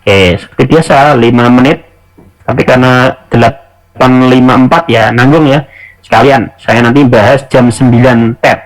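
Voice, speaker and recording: A man's voice: medium pitch, moderate pace, low-quality recording. A young adult man teaching an online English test class, chatty and often correcting himself mid-sentence. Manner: casual, self-correcting, chatty asides.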